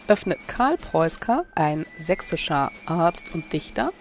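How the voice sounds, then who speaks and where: A woman reporter narrating a scripted radio feature in a steady, clear reading voice. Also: mid-range voice.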